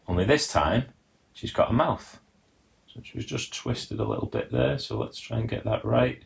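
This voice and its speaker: Man, husky, chatty workshop host, explains step by step. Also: sits low. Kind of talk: live-stream teaching demo.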